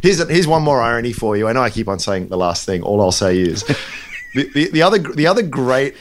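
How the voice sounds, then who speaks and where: A man co-hosting a casual podcast chat, talking in animated bursts with mocking asides and frequent restarts. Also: medium pitch, brisk, slight background noise. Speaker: podcast co-host, crypto commentator.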